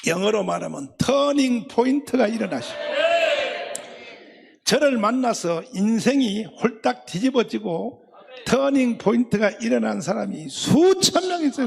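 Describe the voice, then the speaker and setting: An older man, a pastor preaching a live sermon to a congregation, combative and mocking, scolding listeners in rough slang. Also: extremely high pitch, long reverb tail, heavy background noise.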